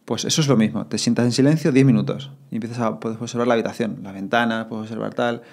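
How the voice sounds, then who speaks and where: A man's voice: lowish voice, vocal fry. A man with a Spain Spanish accent, talking casually as a podcast guest and acting out his own thoughts. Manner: fast, animated, acts out inner thoughts in quotes.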